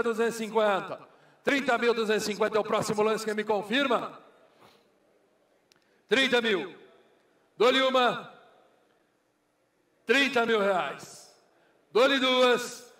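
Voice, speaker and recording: A Brazilian car auctioneer calls bids in a repetitive, formulaic chant, his voice sitting high and a bit bright. He's recorded far from the microphone in an echoey hall.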